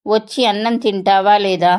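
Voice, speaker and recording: A woman's voice: mid-range voice, fairly even intonation, normal speed, a little mellow, clean tone, lightly acted. A woman voicing a caring mother who scolds and soothes her young son, in a plain read-aloud character voice. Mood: tender, scolding. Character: caring village mother, scolding yet tender.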